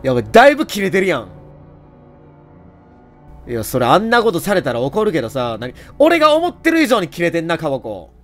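A man with a Kansai accent giving jokey, animated running commentary on a horror game and talking to its characters. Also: a little high, a little fast, long pauses, faint music behind. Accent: Kansai Japanese. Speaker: let's play host.

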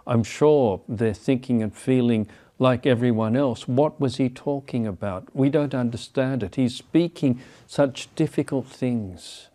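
An older man delivers a homily with a soft, mellow tone. He speaks reflectively in measured phrases, pausing between thoughts, at a lectern microphone in a small chapel. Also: medium pitch. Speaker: bishop giving a homily. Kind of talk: sermon. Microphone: gooseneck lectern microphone.

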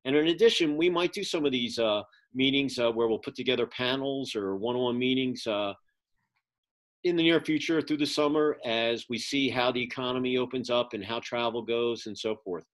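A middle-aged man, a magazine publisher who also produces events, offers a rambling, filler-heavy casual update. His voice is medium-pitched at a moderate pace, picked up by a webcam on a video call from his home office.

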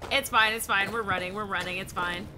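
A woman's voice: mid-range voice, fairly even intonation, fairly quick. A young woman streaming a horror game, jumpy and exclamatory, swearing as she plays. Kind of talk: live horror game commentary. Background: game music.

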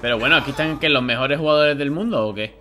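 A young man with a Spain Spanish accent doing live gameplay commentary, excitable and grumbling, swearing when frustrated. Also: mid-range voice, fast talker. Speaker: gaming YouTuber.

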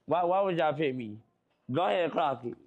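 Playful young man, slightly high voice. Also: animated, normal speed, narrow, tinny audio.

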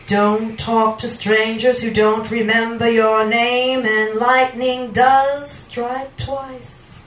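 Reciting slowly, deliberately and theatrically, a middle-aged featured poet performs live in a small bar room, her slightly high voice going through a handheld microphone. A camera in the room records her from afar, giving roomy, noisy bar audio.

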